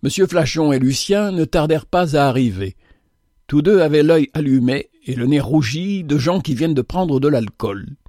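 A man's voice: on the high side, no room sound, studio quality. Male narrator reading a novel. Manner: measured, expressive reading.

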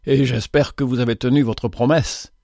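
Man doing a kind calm old bishop, gentle and cordial, audiobook style. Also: medium pitch, moderate pace, creaky, no room sound, clean studio sound, lightly acted.

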